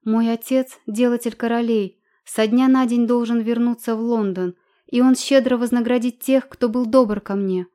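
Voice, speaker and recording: A woman's voice: fairly high pitch, fairly quick, hardly any pauses, warm tone, natural voice. A woman narrator voicing a young runaway princess, pleading and frightened, in an audiobook. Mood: desperate. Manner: pleading, breathless.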